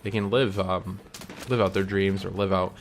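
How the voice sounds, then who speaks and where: This vlogger's voice is low-pitched with fairly even intonation and a moderate pace. Chewing candy, the young man delivers a casual, earnest monologue about following his dreams, stumbling through ums and restarts, over a slight hiss or hum.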